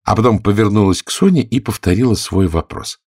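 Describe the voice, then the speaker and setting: A man reading a fairy-tale audiobook aloud as the narrator, with expressive intonation. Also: fairly low pitch, fairly quick, slightly rough, dry recording, clean studio sound. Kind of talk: scripted storybook narration.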